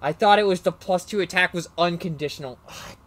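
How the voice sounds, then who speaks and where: A man's voice: sits high, a little fast, fairly bright tone. A man casually narrating his moves in a card game match, rambling and self-mocking, often losing his train of thought. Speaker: card game player and commentator.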